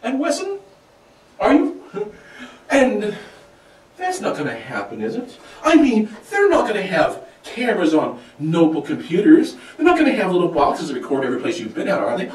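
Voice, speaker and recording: A man's voice: wildly swooping pitch, moderate pace. Man ranting comically in a roomy echo. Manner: wild swings of pitch and loudness, laughing, mock-preachy. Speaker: comic monologue host. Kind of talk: rambling comic rant to camera. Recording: roomy echo, distant from mic.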